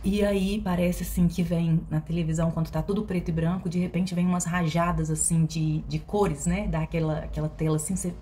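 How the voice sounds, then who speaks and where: A woman's voice: lowish voice, steady tone, brisk, few pauses, dark tone, slight background noise. Reflective mineira woman, hesitant speech. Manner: reflective and hesitant, with many fillers and restarts. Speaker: vlogger. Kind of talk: personal confessional vlog.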